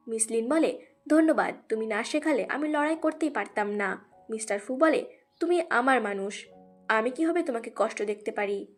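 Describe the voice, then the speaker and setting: A woman narrating a drama recap as scripted storytelling, reading out the characters' lines in her own narrating voice. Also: on the high side. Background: background music.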